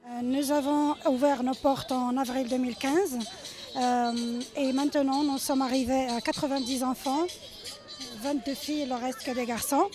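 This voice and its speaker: A woman director explaining in an interview, listing things with hesitant pauses. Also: high-pitched, fairly even intonation. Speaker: orphanage director being interviewed. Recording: very loud music behind.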